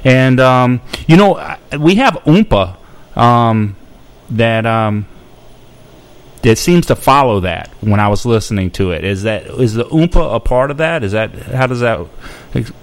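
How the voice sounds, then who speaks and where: A man's voice: medium pitch, animated, a little slow. A man hosting a radio show, chatting casually with phone callers in a friendly, rambling way full of ums and restarts. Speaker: radio host.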